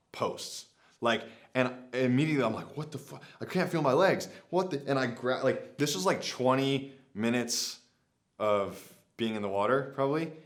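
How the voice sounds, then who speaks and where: A young man vlogging, telling a story casually to camera with lots of filler words and acted-out quotes. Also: lowish voice. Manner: animated, many "like" fillers, acts out his own past lines. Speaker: adventure vlogger.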